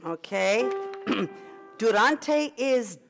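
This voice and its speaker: A woman's voice: a little high, animated, extremely slow, vocal fry, music in the background. A woman with a Midwestern accent coaching a choir in rehearsal, breaking into sung lines to demonstrate. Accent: Midwestern American. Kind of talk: rehearsal instruction.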